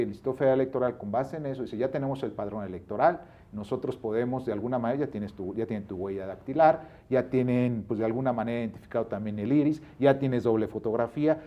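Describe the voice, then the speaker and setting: A man's voice: medium pitch, highs cut off. A Mexican man speaking as a guest on a talk show, explaining at length and citing laws, years and figures.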